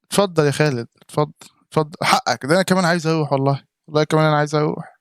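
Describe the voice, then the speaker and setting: A man's voice: fairly high pitch, very fast, clean tone, no echo, clean studio sound. A man with an Egyptian Arabic accent giving casual reaction commentary on a gaming live stream, chatting straight to viewers in chat by name.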